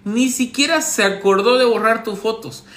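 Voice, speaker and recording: A man's voice: very high voice, moderate pace, fairly bright tone, echoey room. A relationship coach, a man, reads viewer messages and answers them with sarcastic, teasing advice in a casual monologue.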